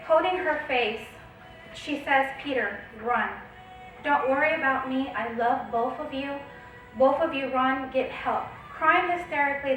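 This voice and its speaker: A woman casually reading out and telling a long dream to her viewers, often stopping to check in with a quick "okay?". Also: high-pitched, a bit bright, very echoey, recorded from a distance, slight background noise, low-quality recording. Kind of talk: casual storytelling narration.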